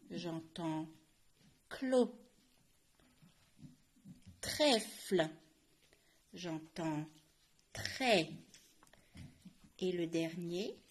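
A woman teaching a phonics lesson to young children, saying each word slowly and stressing every syllable. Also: mid-range voice. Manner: slow, clearly articulated, stressing each syllable. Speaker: primary school teacher.

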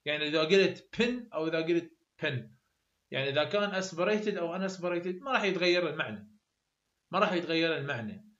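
A man's voice: a little high, lively intonation, fast, a bit bright. Iraqi Arabic-accented man, lecturing tutor, repeats drill sounds; echoey, muffled recording. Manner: repeats example sounds over and over, plain explaining. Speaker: university English tutor. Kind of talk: explanatory lecture. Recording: roomy, dull lo-fi sound.

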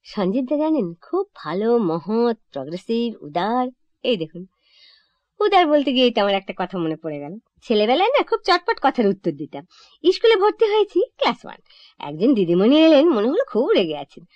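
Chatty, lively-voiced young woman actress in a monologue. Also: on the high side, moderate pace, no room sound. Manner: chatty, lively, self-correcting, confiding to listeners. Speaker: actress in a solo stage monologue. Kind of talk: theatrical comic monologue. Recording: dull lo-fi old recording.

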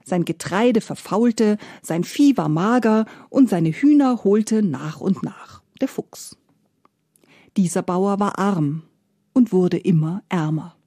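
A woman telling a fairy tale in expressive scripted narration, sometimes dropping to soft whispered phrases. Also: mid-range voice, takes it slowly, dry recording, studio quality. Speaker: storyteller.

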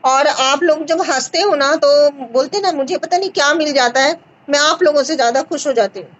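Speaking at normal speed in a high-pitched voice, a host in her thirties reassures a caller about a skin remedy during a live video call. She's indoors at home with curtains behind her, recorded lo-fi on a phone's front camera, and she keeps checking in with short questions such as "है ना?".

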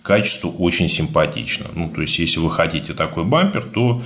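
A man with a speech impediment on his r's, giving a casual, halting product review as a video blogger. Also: deep voice, lively intonation, a bit bright, a little hiss or hum. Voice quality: burred, defective r sound. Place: indoors, at a table, hands-only shot.

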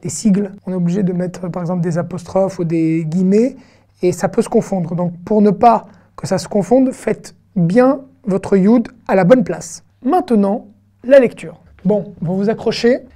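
A woman teaching an online Hebrew lesson, patiently repeating syllables slowly and clearly in a chatty way. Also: medium pitch, dark tone.

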